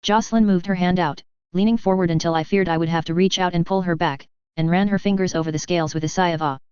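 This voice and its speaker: Brief: woman narrator, steady audiobook read, lowish voice, dry close-mic sound. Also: fast, clear, resonant tone, no echo. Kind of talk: first-person audiobook narration of fan fiction. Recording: dull lo-fi recording.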